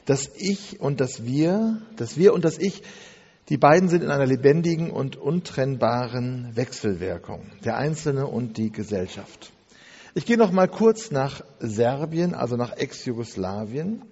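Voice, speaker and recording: A man gives a spoken lecture in a measured, methodical way, listing phrases one after another to build his points, with occasional fillers. His mid-range voice is dark and a little husky with lively intonation, yet it sounds dull as it rings through a hall with long reverb.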